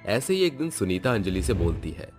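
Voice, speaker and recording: A man narrating a moral fairy tale in a steady, expressive storytelling manner. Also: lowish voice, brisk, soft background music.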